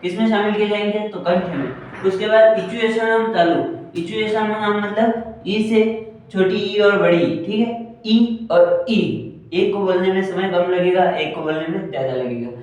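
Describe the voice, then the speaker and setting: Echoey, high-voiced male grammar teacher. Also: moderate pace, darkish tone. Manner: repeats and drills each point, asks and answers his own questions. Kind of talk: Hindi grammar lesson, explaining slowly with repetition. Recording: very echoey room, distant from the mic.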